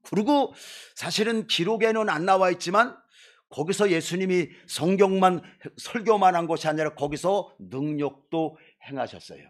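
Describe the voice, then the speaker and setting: A man's voice: high-pitched, moderate pace. A man preaching a sermon as a missionary pastor, emphatic, full of rhetorical questions and playful asides to his congregation in a church. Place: church sanctuary before a congregation.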